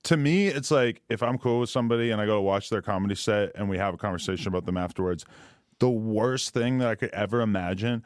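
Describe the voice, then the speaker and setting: Low-voiced rambling podcast host. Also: male voice, fast talker, no room sound, clean studio sound. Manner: rambling, emphatic. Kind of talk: casual chat.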